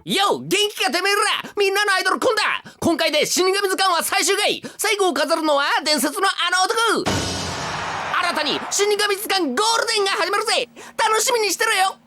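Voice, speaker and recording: A man's voice: lively intonation, quick pace, full character voice. A man voicing a cocky, hyperactive little mascot in an overacted anime preview, boastful and manic. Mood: manic, gleeful. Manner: manic, boastful, high-energy announcing. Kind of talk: overacted anime dub, next-episode preview. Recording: loud music under the voice.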